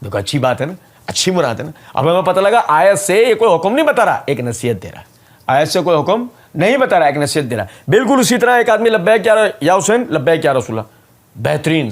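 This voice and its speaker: A man with a fairly high voice gives a polemical religious rebuttal. He is emphatic and leans into sarcasm and mockery as he argues. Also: sing-song. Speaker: religious speaker giving a rebuttal.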